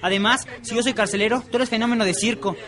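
A quick, high-voiced, defiant teenage boy played by a man in an educational radio drama, firing back at a bully. A crowd murmurs behind him. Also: steady tone, close to an everyday voice. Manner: curt, defiant. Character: defiant new schoolboy Olmo with braces.

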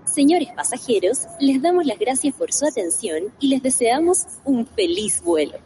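A woman giving a formal, measured mock airline cabin announcement as if over an airplane intercom, introducing a radio show. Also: high voice, big pitch swings, dark tone, slight background noise. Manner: formal, measured flight-attendant delivery. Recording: distant voice, faint ambience.

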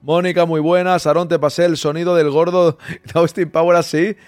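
A man's voice: fairly high pitch, little pitch movement, normal speed, a little mellow, smooth, dry recording. A man hosting a live podcast stream, chatting and joking while reading viewers' messages aloud. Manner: jokey, chatty, reads chat messages aloud. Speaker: podcast host.

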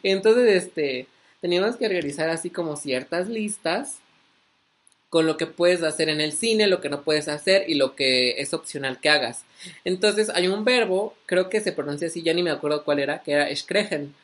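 A man's voice: on the high side, normal speed, fairly bright tone. A young man with a Mexican accent casually telling a story as a vlogger, rambling with many fillers and asides.

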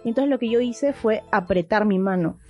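A young woman with a dark, mellow voice tells a long personal story in relaxed chat. She rambles and circles back with frequent fillers and restarts. Faint music plays underneath. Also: medium pitch, a little fast, lo-fi sound.

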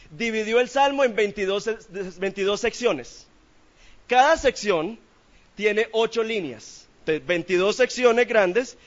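A man's voice: high-pitched, dull audio. A man preaching a sermon in church, asking the congregation questions in a playful, colloquial way.

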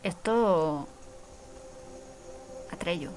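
A woman's voice: lowish voice, extremely slow, darkish tone, a little hiss or hum, low-quality recording. A woman chatting through a film as she watches it, exclamatory, with whispered asides. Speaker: film reaction commentator. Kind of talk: casual commentary while watching a film.

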